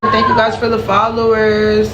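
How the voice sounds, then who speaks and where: A livestreamer casually addressing viewers in repeated, drawn-out phrases. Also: medium pitch, completely flat delivery, echoey room, recorded from a distance, highs cut off, over a noisy crowd. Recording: very loud vehicle-like background noise.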